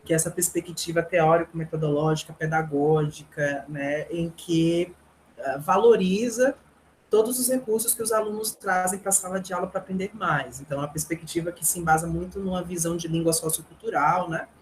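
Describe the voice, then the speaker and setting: Speaking a little fast in a lowish voice, this middle-aged woman answers interview questions in an earnest, explanatory manner. She is a language teacher with a Brazilian Portuguese accent who frequently adds tag questions and restarts small bits, and the rough recording carries some hiss or hum.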